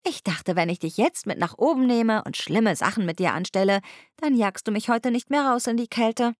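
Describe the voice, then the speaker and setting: A woman's voice: on the high side, normal speed, no echo, studio quality, voice pushed up, close to an everyday voice. A woman doing a stubborn, playful young woman. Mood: teasing.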